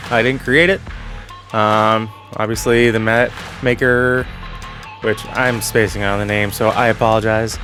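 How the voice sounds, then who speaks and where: A man's voice: on the low side, level tone, measured pace, music in the background. Casual man with a fading voice. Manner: rambling, self-correcting, chatty. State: losing his voice, clearing throat. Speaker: gaming channel host. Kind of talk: casual game commentary.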